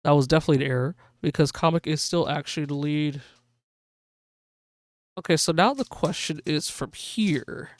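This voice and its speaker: A woman hosting a live gaming stream, excitedly calling a race like a sportscaster for her viewers. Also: low voice, moderate pace, no room sound, clean studio sound. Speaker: livestream host.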